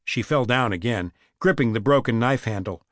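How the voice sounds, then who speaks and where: A man narrating a mystery audiobook in the first person, with vivid, expressive storytelling. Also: mid-range voice, moderate pace, no echo, studio quality.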